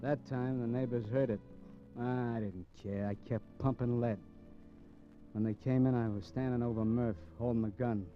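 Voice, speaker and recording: In a 1940s-50s American radio crime drama, an actor voices a brooding small-time gangster narrating from death row, bitter and confused. His mid-range male voice stays fairly even and close to everyday speech as he talks in slangy, halting tough-guy fashion, repeating words. The old recording is muffled, with music.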